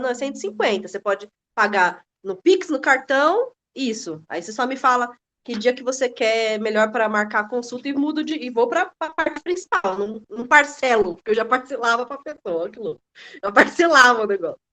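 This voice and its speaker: Woman, course participant on a group call; lively storyteller who acts out dialogue, slightly high voice. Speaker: course participant sharing her experience. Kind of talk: casual chat on a group video call.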